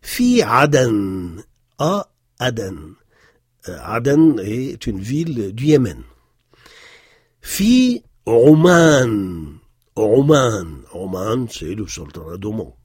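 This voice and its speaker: A man giving a recorded language lesson, explaining patiently with many hesitations and slowly repeating words to model their pronunciation. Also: medium pitch, breathy edge, no echo, studio quality. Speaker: Arabic teacher.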